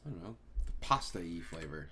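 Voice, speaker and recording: A man's voice: low voice, sing-song, moderate pace, background noise. A man streamer chatting casually while gaming, rambling and scatterbrained with lots of fillers and restarts.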